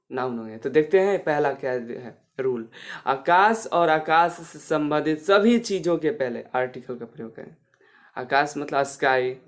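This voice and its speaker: Hindi-accented male teacher, call and answer. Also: a little high. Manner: asks questions and answers them himself, repeats key words. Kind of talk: English grammar lesson. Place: classroom.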